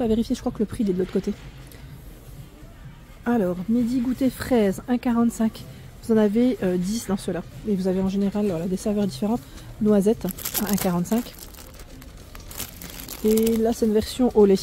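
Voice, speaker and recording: A woman walks the aisles of a discount food store with a handheld phone camera, listing prices and pack sizes in a chatty, easygoing way. Her voice sits at an ordinary middle pitch with a warm, mellow tone. She stops now and then to fix a price she misread. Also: fairly even intonation, normal speed, pauses often. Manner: chatty, reads out prices and weights, corrects herself. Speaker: vlogger showing store prices. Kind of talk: walk-through shopping vlog.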